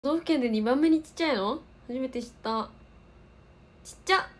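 A woman in her twenties from Osaka, Japan, hosts an idol livestream, chatting casually as she answers viewer comments. Her voice is high-pitched and a little fast, with a light Kansai accent.

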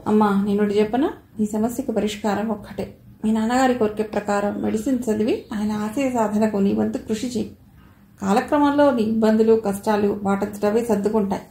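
A woman reading the part of a kindly, nostalgic elderly man who speaks fondly and gently, in a roomy-sounding recording. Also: mid-range voice, steady tone, brisk, natural voice. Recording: roomy echo.

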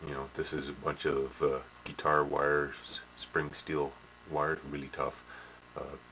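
Slow and completely flat yet bright and forceful, a very deep-voiced man rambles through a casual workshop demo as a hobby modeler. Fillers, restarts and "eh" tags fill his speech in a small indoor workshop, captured on noisy home camcorder audio.

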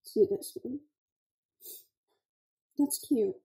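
A woman's voice: takes it slowly, mellow, roomy sound, poor audio. A young woman, giving chatty, scattered gameplay commentary full of "like" and "okay" as a gaming channel host.

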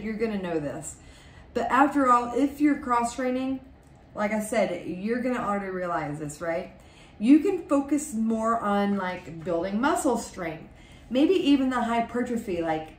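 A woman's voice: medium pitch, recorded from a distance, a little hiss or hum. A woman in her forties hosting a fitness podcast, talking casually and upbeat with plenty of fillers as she coaches listeners from a small home office. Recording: echoey room, voice a little off-mic.

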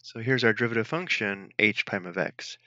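A man narrating a math tutorial as an instructor, dictating each entry step by step in a measured way. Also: lowish voice, animated, sharp tone, no echo, highs cut off.

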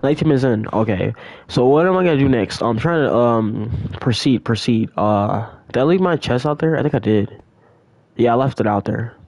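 Excitable young man narrating his game. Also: mid-range voice, normal speed, dry recording. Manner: excitable, rambling, repeats exclamations. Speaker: gaming channel host. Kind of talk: casual gameplay commentary.

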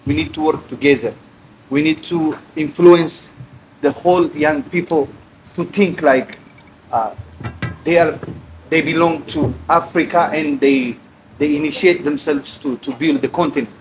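A man's voice: a little high, steady tone, measured pace. A middle-aged man from Eritrea, a lounge owner giving earnest, rallying remarks at a press event. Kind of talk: impassioned speech-like remarks. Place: indoor lounge on a sofa. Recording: noisy room recording.

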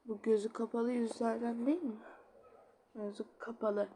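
A woman's voice: fairly high pitch, flat delivery, moderate pace, dark tone, slight background noise. A woman chatting casually while she plays a game, giggling often and reading chat messages aloud. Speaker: game streamer. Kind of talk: casual gameplay commentary.

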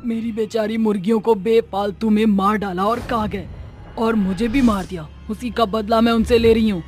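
A woman voicing a vengeful female witch in a cartoon, with a shrill, wailing, cackling delivery. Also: fairly even intonation, normal speed, a little mellow, soft background music, lightly acted. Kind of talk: Hindi cartoon voice acting.

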